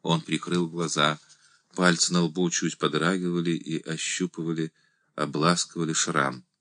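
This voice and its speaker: A man reading a novel aloud as an audiobook narrator, in a measured storytelling manner. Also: rumbling low, flat delivery, bright, forceful tone, no room sound, studio quality. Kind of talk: scripted literary narration.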